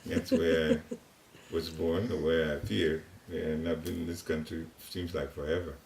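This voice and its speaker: A very deep, gravelly, darkish voice belongs to an older Ghanaian man who keeps a steady tone and moderate pace while leading a devotional class at home. His informal spiritual talk in a Ghanaian accent rambles chattily, broken by chuckles. The setting is a private living room, where he sits far from a room recorder, producing roomy audio with faint hiss.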